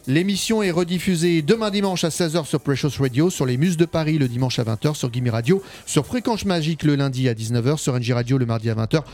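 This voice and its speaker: A man's voice: fairly high pitch, quick pace, hardly any pauses, darkish tone. A man presenting a live radio show as its host, with an announcer-like delivery and a bantering streak.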